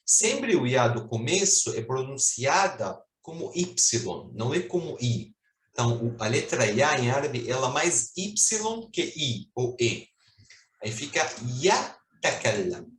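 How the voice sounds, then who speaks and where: Um homem ensinando com calma numa aula gravada, com entonação animada e um eco forte de sala. Ele repete as palavras devagar, como quem faz os alunos treinarem. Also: male voice, mid-range voice, reverberant. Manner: patient, repeats words slowly for drilling. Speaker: Arabic teacher. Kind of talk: online language lesson.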